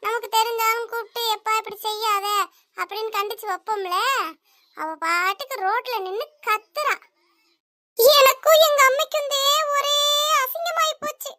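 A woman voicing a loud, nagging cartoon mother. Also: very high voice, moderate pace, dry recording, clean studio sound. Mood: furious. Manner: shouting, scolding, sarcastic. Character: angry nagging village mother, loud and quick-tempered. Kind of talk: cartoon voice acting.

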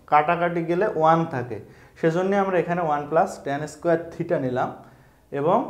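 A man's voice: sits high, roomy sound. A man with a Bangladeshi Bengali accent, an online math instructor, explaining a proof step by step and mixing English math terms into his talk.

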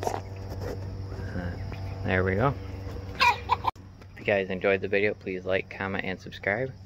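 A young man in his twenties vlogs casually outdoors beside a chicken coop on his farm, holding a phone camera at arm's length. He rambles with fillers in a low voice at a slow pace, against heavy background noise.

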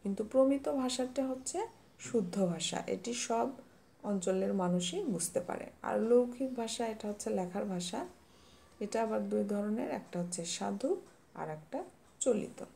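Slow teacher lady, gravelly voice, explains it all patiently bit by bit. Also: mid-range voice, animated, warm tone. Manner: slow, explains step by step with quiz questions. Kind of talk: classroom lesson reading notes.

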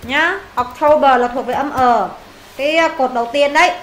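A woman teacher with a Vietnamese accent, briskly drilling English vocabulary and pronunciation and repeating words for her students. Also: high voice, fairly bright tone, echoey room, low-quality recording.

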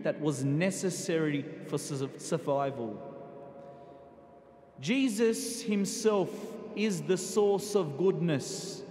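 A man preaching a homily as a priest at a pulpit microphone, slow and deliberate with pauses. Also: sits high, darkish tone. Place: large cathedral. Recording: echoey cathedral with long reverb.

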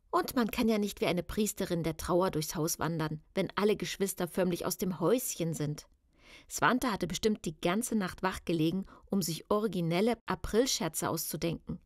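A woman's voice: medium pitch, no room sound. Female audiobook reader, first-person, confiding and wry, close dry sound. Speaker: audiobook narrator.

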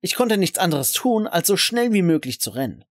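A man's voice: sits high, big pitch swings, brisk, dry recording, studio quality. A man narrating a first-person story in a scripted, dramatic way.

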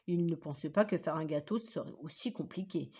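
A woman teacher reading a children's story aloud with animated, expressive storytelling. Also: low voice, a little fast, breathy edge.

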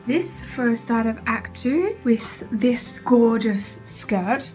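A young woman, chatting casually as she explains things like a tour guide. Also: on the high side. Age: young adult. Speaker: vlogger and community theatre cast member. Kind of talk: casual vlog chat. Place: backstage of a small theatre, indoors.

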